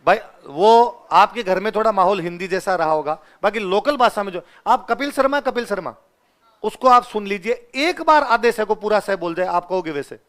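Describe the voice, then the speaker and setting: A young male teacher with a Ganganagar-area Rajasthani Hindi accent delivers his lecture through animated classroom stories. His voice sits fairly high, and he acts out the dialogue and laughs often as he talks. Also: moderate pace. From Rajasthan, India.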